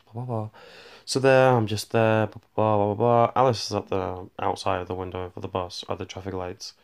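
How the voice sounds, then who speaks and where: A man's voice: fairly low pitch, creaky, clear, resonant tone. A man tells a rambling personal story, often skipping details with "blah, blah, blah", while holding his phone to record. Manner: rambling, fills gaps with "blah, blah, blah". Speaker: vlogger. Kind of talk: casual storytime monologue. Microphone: handheld phone.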